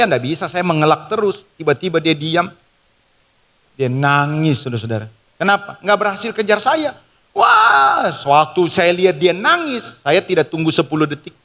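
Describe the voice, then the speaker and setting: A man's voice: fairly high pitch, a bit bright. A man preaching a sermon as pastor, emphatic and fervent, addressing the congregation directly. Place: large church hall. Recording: long church hall reverb with music. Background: worship music.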